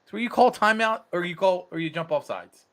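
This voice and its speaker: Brief: male co-host, bright forceful voice, very lively pitch, animated sports banter. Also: a little fast. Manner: animated, acts out players' lines, repeats words. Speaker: podcast co-host. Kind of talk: casual sports chat.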